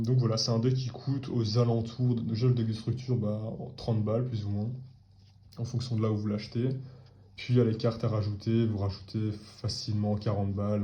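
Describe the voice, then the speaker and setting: Flat-voiced casual man, lo-fi sound. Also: lowish voice. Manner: casual, hesitant with frequent fillers, slangy. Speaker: card game deck presenter. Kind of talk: casual chat.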